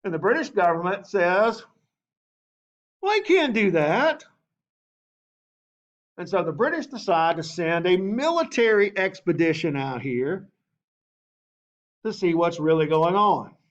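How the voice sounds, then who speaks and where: A man teaching a history class in a lively way, often asking the class and saying okay. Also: high-pitched, moderate pace, dull audio.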